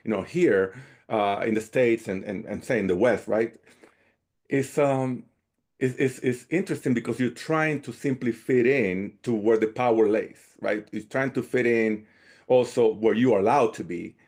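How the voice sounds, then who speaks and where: The founder of an outdoor youth program, a man from the Dominican Republic, answers interview questions in a mid-range, slightly mellow voice at a moderate pace. He's conversational and reflective, often checking in with "right" and "you know."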